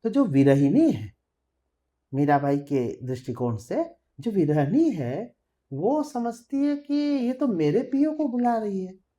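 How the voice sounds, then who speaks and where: A woman who is a classical singer, explaining thumri in a thoughtful, measured way with frequent hesitant fillers. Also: mid-range voice, sing-song, warm tone. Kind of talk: explanatory talk with sung examples.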